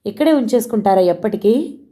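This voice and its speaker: An anxious young wife, fretful and accusing, as a woman reader voices her. She pleads and complains in a raised, higher voice with a mellow tone. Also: lively intonation, fairly quick, close to an everyday voice. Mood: upset.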